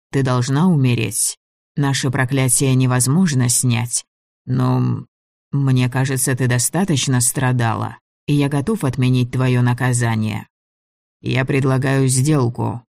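A scheming old elder mage who speaks calmly and smoothly while threatening, read by a man. His voice sits mid-pitched and even. The recording is close and dry. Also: unhurried, no room sound. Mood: coldly calm. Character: old male elder mage, falsely gentle, menacing. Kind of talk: audiobook reading.

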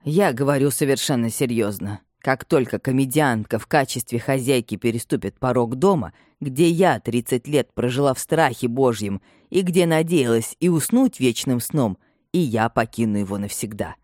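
Непреклонная гордая пожилая мать холодно и властно ставит ультиматум, её читает мужчина. Голос тёмный и мягкий, запись сухая и близкая. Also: male voice, medium pitch, expressive, moderate pace, darkish tone, no room sound, clean studio sound, close to an everyday voice. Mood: stern. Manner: cold, imperious. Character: proud stern elderly mother, unbending.

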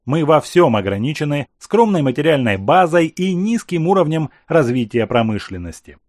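A man voicing a calm, authoritative emperor who questions his officers and lays out plans in a measured, explaining manner. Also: on the high side, no room sound, clean studio sound. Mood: instructive.

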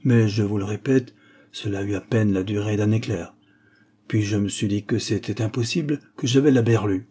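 A man's voice: lowish voice, moderate pace, warm tone, husky. A man reading the part of an old, deferential estate steward in an audiobook, earnest and easily surprised.

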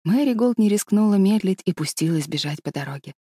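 A woman narrates a storybook in a calm, measured way. Her voice is mellow and warm, and the recording is dry and close. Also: medium pitch, breathy edge, dry recording. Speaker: audiobook narrator.

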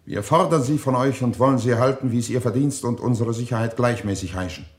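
A man's voice: mid-range voice, fast talker, lightly acted. A man playing a stern, authoritative duke and war leader in a classic theatrical radio play. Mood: stern, controlled.

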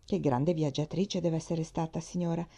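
A woman's voice: low voice, steady tone, moderate pace, gravelly, dark tone, breathy edge, exaggerated voice. A woman reading the part of a placid middle-aged lady, mild and agreeable.

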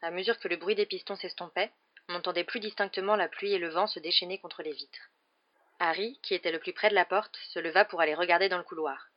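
Woman audiobook narrator, low, measured, lo-fi recording. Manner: steady, measured reading. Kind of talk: scripted narration.

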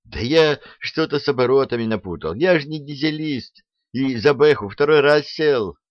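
A man voicing a hapless young army mechanic making hurried excuses. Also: medium pitch, expressive, no echo, lo-fi sound, voice pushed up, natural voice. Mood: sheepish.

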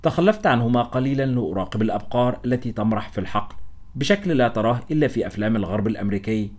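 A man's voice: mid-range voice, animated, racing, darkish tone. A man narrating a first-person adventure story as an audiobook. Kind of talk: scripted narration.

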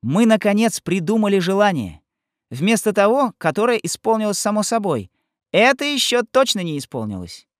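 A man's voice: high-pitched, big pitch swings, normal speed, no room sound, studio quality, pitched above the performer's own voice. Man doing an eager young girl. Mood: earnest.

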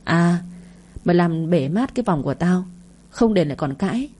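A woman voicing a loud, bullying swindler woman in a storybook reading, shouting accusations and wailing for bystanders. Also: fairly low pitch, expressive, moderate pace, breathy edge. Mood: accusing.

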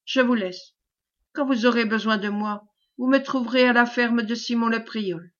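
A woman's voice: on the high side, normal speed, muffled recording, natural voice. Woman reading a fawning, sly male schemer. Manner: caressing, obsequious flattery.

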